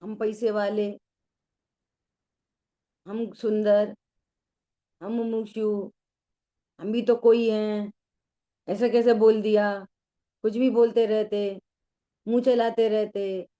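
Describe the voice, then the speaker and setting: A woman's voice: medium pitch, level tone, slow, long pauses, dull audio. A middle-aged woman giving a religious discourse on scripture, telling a story and asking her listeners rhetorical questions. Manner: acts out quoted voices. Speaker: scripture teacher.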